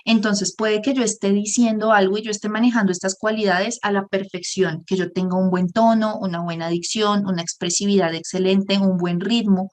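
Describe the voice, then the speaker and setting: A woman, teaching a workshop lesson on speaking skills in an explanatory way, often pausing to give examples. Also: mid-range voice, steady tone, a little mellow. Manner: explanatory, often pauses on "por ejemplo". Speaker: communication workshop instructor. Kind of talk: online lesson.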